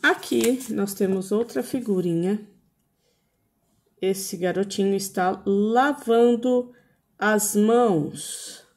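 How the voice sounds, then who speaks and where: A woman's voice: medium pitch, takes it slowly. A woman with a Brazilian Portuguese accent teaches English words to young children. She talks patiently and repeats each word several times. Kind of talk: slow, drawn-out pronunciation drills for children.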